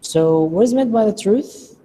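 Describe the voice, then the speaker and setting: An English lecturer whose first language is Arabic speaks patiently, slowly and deliberately in a mellow, soft-edged, medium-pitched voice with lively intonation. He pauses to quiz the class, and his voice carries a long reverb through a large room with faint background noise.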